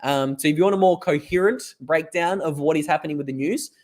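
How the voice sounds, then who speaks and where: A hoarse Australian man hosting a live stream in a loose, chatty way. He rambles from point to point and reads viewer comments out loud, his voice a little worn. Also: on the high side, brisk. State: hoarse, lost voice.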